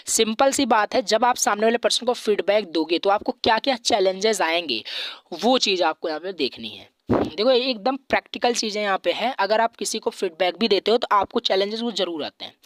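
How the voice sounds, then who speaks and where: A male teacher giving an exam revision lecture. He explains patiently, repeats himself often with many fillers, and reads English lines out slowly. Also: high voice, fairly bright tone, dry recording, rough recording.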